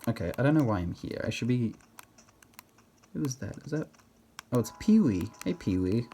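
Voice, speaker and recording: A man's voice: mid-range voice, big pitch swings, normal speed, mellow, a little hiss or hum. A man giving casual, rambling game commentary, thinking aloud and often questioning himself in a hesitant way. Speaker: gamer narrating own gameplay.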